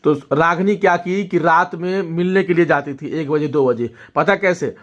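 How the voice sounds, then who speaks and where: A young man talks to the camera and tells a long family story. His voice sits a little high, and the recording is dull and lo-fi. He keeps checking in with his viewers as he goes. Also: normal speed. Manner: storytelling, addresses viewers directly with frequent "ठीक है?". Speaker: vlogger. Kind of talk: casual talk to camera.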